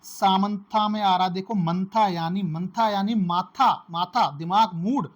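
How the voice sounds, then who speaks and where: A man's voice: high-pitched, unhurried. A man teaching exam material in a casual classroom style, repeating phrases, building memory tricks and calling his listeners his brothers.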